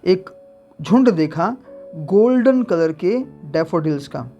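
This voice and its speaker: Man teaching poetry, soft guitar behind. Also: sits high, expressive, slow pace, muffled recording. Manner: mixes Hindi with English terms, repeats key points. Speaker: English literature teacher. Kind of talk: explaining a poem to students.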